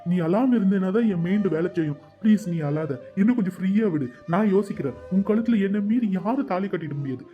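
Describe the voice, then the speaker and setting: Worried lover Kathir. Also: male voice, sits high, expressive, fast talker, hardly any pauses, highs cut off, soft background music. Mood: soothing. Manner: urgent, pleading, protective. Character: worried young man Kathir, protective lover. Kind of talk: cartoon voice acting.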